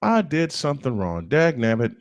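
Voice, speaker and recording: A man hosting a live morning sports talk show, reading sponsor spots and chatting excitably while fumbling with his setup. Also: medium pitch, normal speed.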